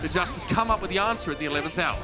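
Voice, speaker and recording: A man doing excited play-by-play commentary of a video game match, raising his voice at the big moments. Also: high voice, racing. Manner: raises voice to a yell at big moments. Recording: loud music under the voice. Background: loud music.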